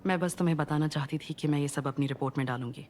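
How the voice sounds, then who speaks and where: A woman's voice: low-pitched, quick pace, a little mellow, slight background noise, lightly acted. A woman dubbing a stern, curt female anti-doping inspector in a drama. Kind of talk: dubbed drama.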